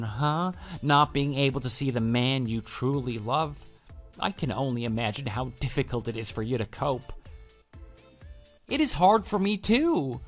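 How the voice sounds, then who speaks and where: On the high side and a bit bright, this male voice belongs to an actor in a scripted online drama. He plays a deluded, pushy coworker in love who makes florid, earnest declarations with smug adoration.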